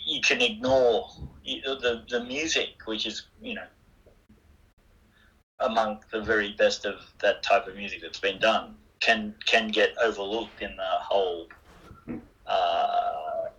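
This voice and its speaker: On the line for a casual interview is an older Australian man, a musician guest whose talk is rambling and self-deprecating, peppered with fillers and restarts. He speaks unhurriedly in a lowish, steady, somewhat bright voice over the phone.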